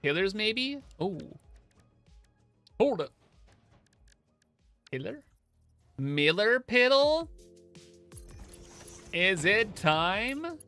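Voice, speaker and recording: A man's voice: sits high, big pitch swings, drawn-out words, pauses often, bright, forceful tone, dry recording, soft background music. A young man livestreaming over a headset mic, thinking aloud in a casual, chatty way while he builds in a game.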